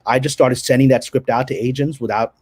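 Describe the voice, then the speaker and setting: A middle-aged man from Pakistan, raised in Brooklyn, telling his story as a guest on a casual video-call interview, animated and laughing often. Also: medium pitch, a little fast, breathy edge, dry recording. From Pakistan, raised in Brooklyn, New York. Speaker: guest, screenwriter and director. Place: home room, indoors. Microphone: video call webcam.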